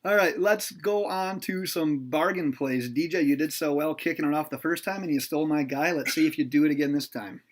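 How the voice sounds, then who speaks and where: A man's voice: fairly high pitch, steady tone, fairly quick, hardly any pauses. A man hosting a sports podcast, talking casually with lots of ums and teasing his guests. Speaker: podcast host.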